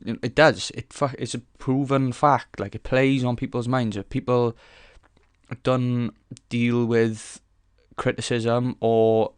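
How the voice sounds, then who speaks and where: A young man talks through a casual solo podcast, frank and sweary, circling back on his thoughts with fillers and half-finished starts. His voice is smooth and resonant, sitting in a middle pitch. It is recorded close and dry, with no room sound. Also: level tone, slow, no echo. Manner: frank, rambling, heavy swearing; earnest, thinks aloud with fillers and restarts. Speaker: podcast host.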